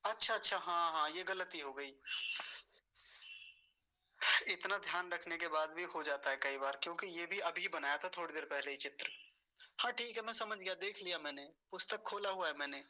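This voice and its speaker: A mantra pronunciation teacher leads an online class, patient and courteous, addressing students respectfully. His bright, forward voice is on the high side, captured in a rough recording. He slows down on difficult words, stretching them out and carefully repeating them syllable by syllable.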